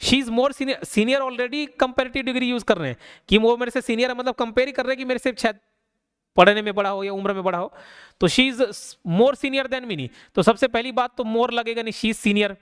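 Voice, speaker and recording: A male teacher giving a casual, conversational grammar lesson. He keeps asking rhetorical questions and slows down to spell out each example. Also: extremely high pitch, fairly bright tone, smooth, dry recording, clean studio sound. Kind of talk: casual classroom explanation.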